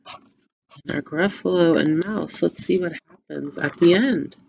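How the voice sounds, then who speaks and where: A woman teacher talks children through a paper craft in gentle, step-by-step instructions. Her voice is low and she speaks very slowly. The sound is dull and lo-fi. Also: creaky, a little hiss or hum. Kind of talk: craft lesson and story read-aloud for children.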